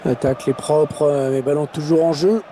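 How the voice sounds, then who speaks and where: A man commentating on a football match in an excited play-by-play style, his voice rising at chances and goals. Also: a little high, moderate pace, background noise, lightly acted. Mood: engaged. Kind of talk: excited goal-call sports commentary.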